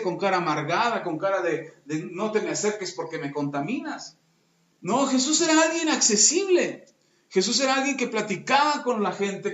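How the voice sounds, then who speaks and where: Brief: male pastor, high voice, lively joking sermon, echoey room. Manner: lively, joking, speaks directly to the listeners. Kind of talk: sermon to a congregation. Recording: echoey room, dull lo-fi sound.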